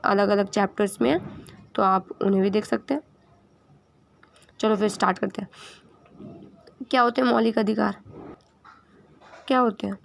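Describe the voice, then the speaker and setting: A woman's voice: medium pitch, vocal fry. A woman with a sore throat giving a casual video lesson, mixing in English words and asking herself questions, then answering them. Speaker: teacher.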